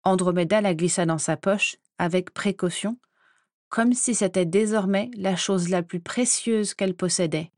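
A woman narrating a novel aloud in a calm, measured and expressive reading. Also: medium pitch, dry recording, clean studio sound.

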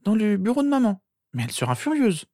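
A man voicing a skeptical, teasing teenage girl with sharp retorts. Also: high-pitched, sing-song, fast, no room sound, studio quality, voice pushed up. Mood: mocking. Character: mocking skeptical teenage girl, Harry's sister.

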